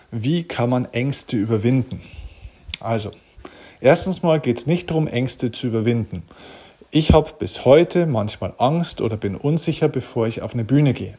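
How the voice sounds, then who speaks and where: A man's voice: medium pitch, mellow, husky. A man giving an earnest, direct motivational talk, answering questions and addressing the listener personally. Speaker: motivational speaker.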